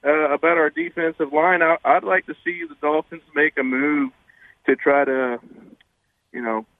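A man calling into a radio show over the phone, talking haltingly with many uh and you know fillers. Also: on the high side, steady tone, no echo. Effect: phone-line caller on a radio show. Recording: tinny phone line, dry.

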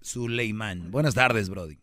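Blunt Mexican radio host with bright voice. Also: male voice, on the low side, measured pace. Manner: blunt, teasing, preachy. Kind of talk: call-in radio advice talk. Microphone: studio microphone.

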